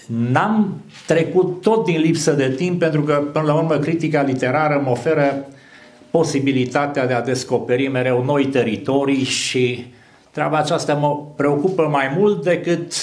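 Older guy critic talking books at a stand mic, slow and thoughtful, roomy echo. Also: medium pitch. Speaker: literary critic. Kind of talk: book launch talk. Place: small hall with a banner backdrop.

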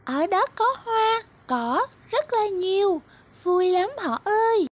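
A woman voicing a small, chirpy female butterfly in a children's story, with a squeaky, singsong voice pitched very high. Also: animated, takes it slowly, heavily acted. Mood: coaxing.

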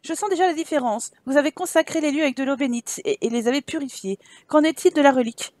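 A woman's voice: high-pitched, quick pace, a little mellow, dry recording, natural voice. A woman voicing a formal, stately female church inquisitor in a life-sim game, reading her lines in a solemn, raised voice. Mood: formal, impressed.

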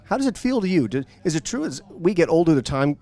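A man's voice: on the high side, very animated, fast talker, warm tone. A male radio host interviewing a guest, asking questions in an eager, emphatic way. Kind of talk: enthusiastic interview. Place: at a live event.

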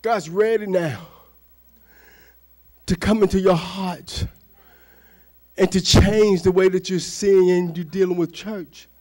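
A male pastor preaching a fervent sermon, calling for responses from the congregation and swinging between shouts and near-whispers. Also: high voice, steady tone, slow pace, pauses often.

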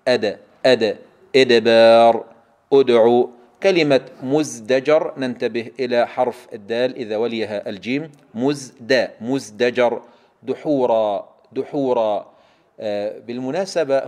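A man teaching Quran recitation. He drills letter sounds slowly and with emphasis and asks the listener to repeat after him. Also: mid-range voice, darkish tone. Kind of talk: tajweed lesson.

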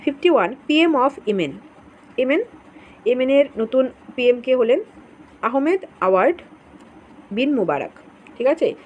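A woman teaching an exam-prep current affairs lesson, patiently going through a list, asking questions and answering them herself, repeating names slowly. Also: high-pitched, big pitch swings, darkish tone, a little hiss or hum, rough recording.

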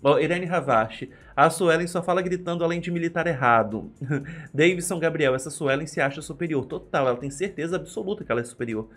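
Brazilian male streamer, slightly high voice, exasperated gossip recaps over faint music. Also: fairly bright tone. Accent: Brazilian Portuguese. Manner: gossipy, exasperated, quotes the cast in quick recaps. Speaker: live reality show commentator. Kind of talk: live commentary reading chat. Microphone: headphones and desk mic.

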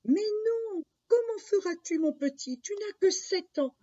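A woman voicing a poor widowed mother who wails and scolds in a high, strained voice. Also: lively intonation, unhurried, mellow. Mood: gently protesting. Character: poor widowed mother, anxious and quick-tempered. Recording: dull lo-fi recording.

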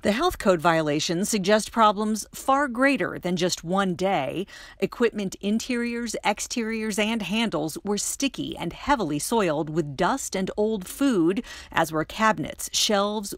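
A middle-aged woman reporter reading a scripted news voice-over in a steady, crisp delivery. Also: medium pitch, no room sound, clean studio sound. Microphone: studio voice-over mic.

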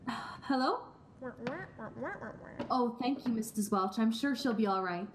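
A woman's voice: fairly high pitch, slow, a little hiss or hum. A woman acting a concerned, patient wife and mother in a live radio play. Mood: worried.

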